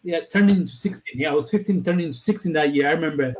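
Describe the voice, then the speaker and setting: A man from Ethiopia, whose first language is Amharic, speaks with an Ethiopian accent in a fairly high, very fast voice. As a panel speaker on a video call, he tells a story in a loose, rambling manner, often restarting phrases during the casual discussion.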